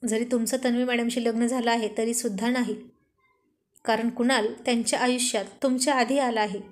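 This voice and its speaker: A woman doing a cheeky young man who works as an assistant, playful and teasing with his boss in a spoken storybook. The voice sits high, with a light, bright pitch. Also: flat delivery, fairly quick, close to an everyday voice. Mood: earnest.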